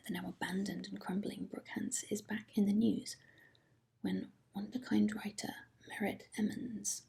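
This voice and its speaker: A woman speaking in a hushed, breathy library whisper, softly chatting and reading aloud as an ASMR host. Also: mid-range voice, poor audio. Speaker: host of an ASMR book haul video.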